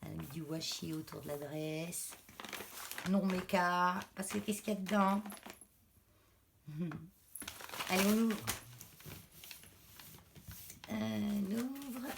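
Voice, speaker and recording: A woman chatting casually as she unboxes craft mail. She is losing her voice, exclaims softly and often drops to a whisper. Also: lowish voice, slow pace, creaky, pauses often, background noise. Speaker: crafting vlogger.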